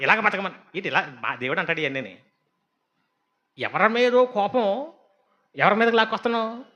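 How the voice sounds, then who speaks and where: A man preaching a sermon as a pastor, animated, with mocking asides and quoted voices. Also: a little high.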